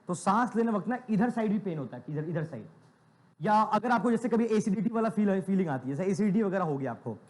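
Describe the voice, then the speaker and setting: Lively high-voiced man teaching. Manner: repeats questions, calls students "beta". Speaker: biology teacher. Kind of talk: classroom lecture with call-and-response questions.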